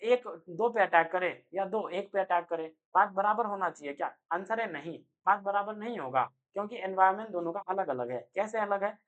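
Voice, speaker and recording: Young guy teaching chem online, loud and pumped, keeps going "yes or no?" at the students. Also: sits high, fairly quick, hardly any pauses, muffled recording. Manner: energetic, loud, keeps asking students rhetorical questions. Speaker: chemistry teacher. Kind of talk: online exam-prep lecture.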